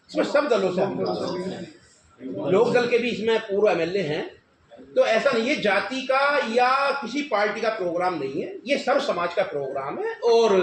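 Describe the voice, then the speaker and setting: Male event organizer, emphatic and insistent, high voice, roomy recording. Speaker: event organizer at a press conference. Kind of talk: press conference answers. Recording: echoey room with background noise.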